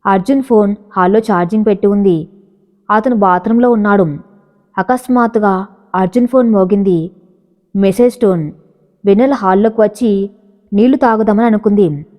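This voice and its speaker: A woman's voice: mid-range voice, moderate pace, long pauses, mellow. Woman narrating a dramatic story. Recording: reverberant, slightly dull audio.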